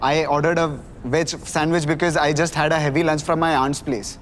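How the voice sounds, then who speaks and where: An actor playing a laid-back young vlogger who talks in slang and keeps saying bro. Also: male voice, fairly high pitch, level tone, drawn-out words, slight background noise. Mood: defensive. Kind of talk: short film acting.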